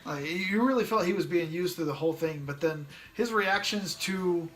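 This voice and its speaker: A man's voice: high-pitched, normal speed, fairly bright tone. A man co-hosting a casual movie review chat, laid-back, often agreeing and laughing easily. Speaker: podcast co-host.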